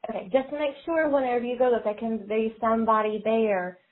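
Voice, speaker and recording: A woman supervisor gives practical, matter-of-fact advice on a phone call. Her voice sits a little high. The sound is thin, like a phone line. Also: fairly even intonation, brisk. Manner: advising, practical. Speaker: foster care supervisor.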